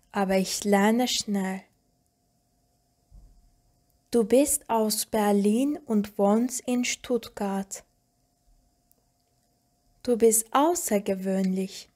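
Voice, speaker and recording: A woman reading short example sentences one by one for a language lesson, slowly and deliberately with pauses. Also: medium pitch, darkish tone. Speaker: language teacher.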